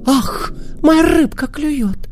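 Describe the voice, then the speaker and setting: A man doing a shrill squealing vixen. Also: very animated, takes it slowly, faint music behind, full character voice. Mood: shrill excited. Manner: squealing, giggling, impatient. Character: sly shrill greedy female fox.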